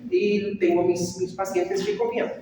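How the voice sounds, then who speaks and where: A woman doctor lectures medical students, weaving clinical anecdotes into the lesson and frequently checking in with them. Her mid-range, dark-toned voice swings widely in pitch at a moderate pace, captured from far off in an echoey hall with a little hiss or hum.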